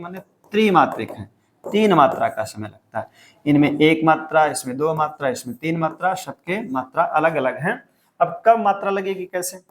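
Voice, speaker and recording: A male teacher giving an exam-prep lecture, explaining step by step and repeating key points. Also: fairly high pitch.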